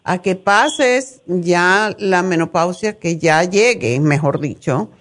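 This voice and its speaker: A woman's voice: fairly low pitch, animated, slow. A middle-aged woman giving conversational, opinionated health advice as a radio host, direct and familiar with her callers.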